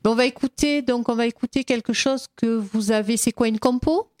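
A woman's voice: fairly high pitch, fairly quick, darkish tone. A woman hosting a casual radio interview, chatty and encouraging. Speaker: radio host.

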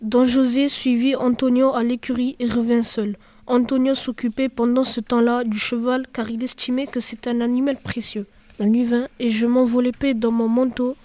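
A woman narrating a story in measured, scripted narration. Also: on the high side, level tone, dark tone, no room sound.

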